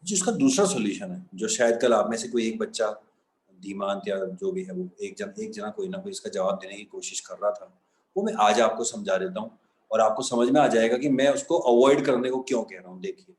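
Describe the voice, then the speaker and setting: A man's voice: lowish voice, a little fast, a little mellow, echoey room, poor audio. A man who teaches maths, explaining each step of a lesson and going over the key points again. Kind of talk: classroom lecture.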